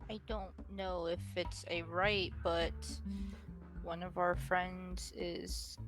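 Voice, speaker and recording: A woman with a fairly low voice plays a tabletop game. She speaks slowly and casually, hesitating as she thinks things through, with faint music behind her. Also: flat delivery.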